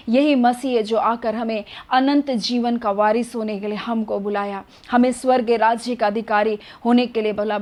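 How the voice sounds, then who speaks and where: A woman with a fairly high voice delivers a sermon. She talks earnestly and keeps posing rhetorical questions, then answers them herself. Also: darkish tone. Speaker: preacher.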